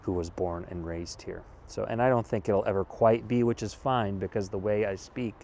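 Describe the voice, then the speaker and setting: A deep-voiced American vlogger from California muses outdoors in a wooded spot within a city, delivering a casual, reflective monologue. He sounds thoughtful and measured, with fairly even intonation and a darkish tone, pausing and restarting as he goes, and there's slight background noise.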